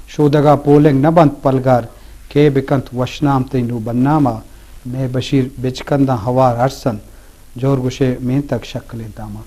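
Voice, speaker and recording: A man's voice: medium pitch, dark tone. A man hosting an interview, listening attentively and responding with admiring interjections. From Balochistan. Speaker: host. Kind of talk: interview, frequent short acknowledgements.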